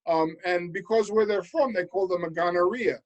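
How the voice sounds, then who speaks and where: Deadpan high-voiced male comedian. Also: normal speed, lo-fi sound. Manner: deadpan, sets up punchlines. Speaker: comedian co-host. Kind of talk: casual chat, deadpan jokes.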